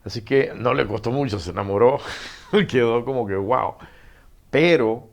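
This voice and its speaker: Man, Panamanian Spanish accent, gravelly, animated storyteller, interview guest. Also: medium pitch, normal speed. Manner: animated storyteller, acts out dialogue, laughs often. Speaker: author guest.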